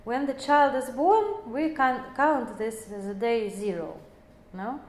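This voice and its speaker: A woman's voice: on the high side, slow. A woman in her forties giving an explanatory lecture, speaking English as a with many fillers and self-corrections. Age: 40s. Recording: echoey room.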